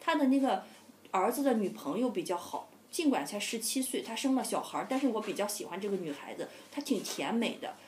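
A young adult woman vlogger telling a casual, animated and indignant story about a bad landlord. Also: medium pitch, a little fast, a little hiss or hum.

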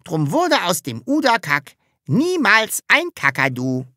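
A woman voicing a cheeky, stubborn, childlike magical creature in an audiobook, with a high, bright voice and an insistent, excitable way of talking. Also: measured pace, dry recording, studio quality, full character voice. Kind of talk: audiobook character reading.

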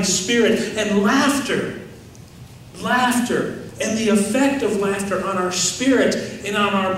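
A middle-aged man preaching a sermon as pastor, animated and questioning his congregation. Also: high-pitched, a little hiss or hum. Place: large church sanctuary. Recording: very echoey sanctuary, distant mic.

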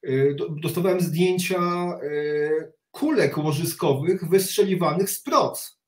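Sitting back from his webcam in a home study with bookshelves, a middle-aged man who serves as a reserve army officer joins an interview by video call, and the sound is roomy and echoing. His fairly high, expressive, slightly mellow voice delivers halting commentary with repeated words and blunt criticism.

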